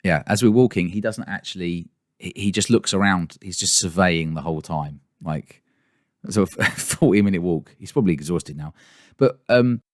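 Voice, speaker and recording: Casting note: low-pitched male co-host, rambling casual chat, dry close sound. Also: moderate pace, no room sound. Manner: chatty, rambling, laughs often. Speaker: podcast co-host.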